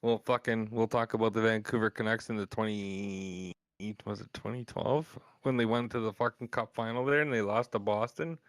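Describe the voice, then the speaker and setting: A man's voice: on the low side, fairly even intonation, moderate pace, no echo, studio quality. A Canadian man co-hosting a casual podcast, crude and heavy on swearing. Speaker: podcast co-host.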